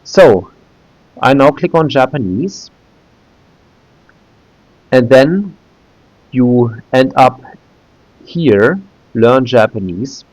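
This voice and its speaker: A thirty-something German creator narrates a screen-recorded tour of a website in English, casual and hesitant with lots of "uh" fillers and restarts. His mid-range voice is animated yet drawn out, pausing often, darkish in tone; the rough recording has no echo.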